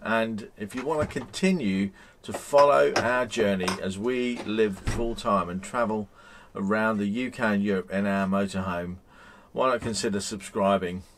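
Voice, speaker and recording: A man's voice: on the low side, normal speed, hardly any pauses, a little hiss or hum. A man in his fifties chatting casually to camera from inside a motorhome, rambling with frequent ums and restarts. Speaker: vlogger. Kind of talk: casual vlog chat.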